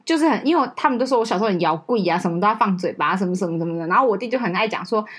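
A woman telling a childhood story in a casual podcast chat, animated and laughing. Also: mid-range voice, rapid-fire, slightly rough. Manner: animated storytelling, laughing while quoting curses. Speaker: podcast co-host.

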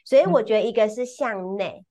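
A woman co-hosting a podcast, explaining ideas in an expressive, conversational way and often repeating words as she goes. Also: fairly high pitch, a little fast. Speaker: podcast co-host and teacher.

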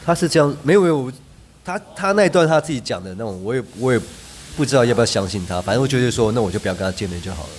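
A man, a podcast guest telling rambling, animated anecdotes with frequent restarts. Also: medium pitch, rapid-fire, slight background noise. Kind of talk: casual storytelling chat.

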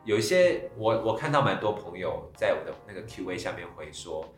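A man with a lowish voice hosts a casual chat with a Taiwanese Mandarin accent, his native tongue being Taiwanese Hokkien. His intonation is lively, and the room has noticeable echo. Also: a little fast. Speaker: podcast host. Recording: roomy echo, faint music.

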